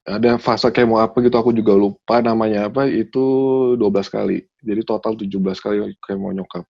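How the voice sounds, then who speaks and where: Brief: low gravelly man, halting guest, dull lo-fi sound. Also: flat delivery. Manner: hesitant, halting recall. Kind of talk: casual conversation.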